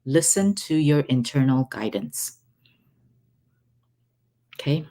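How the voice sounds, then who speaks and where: Very low-voiced woman guiding slow relaxation. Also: a little mellow. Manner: unhurried, halting, with long pauses between phrases. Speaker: energy healer hosting her own recordings. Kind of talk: guided relaxation talk.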